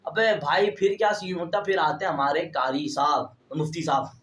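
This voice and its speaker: Young male vlogger, chatty to-camera storyteller, slightly high pitch, recorded in a roomy echo. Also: steady tone, normal speed, fairly bright tone. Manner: chatty, keeps addressing viewers as brother; stands talking straight to camera.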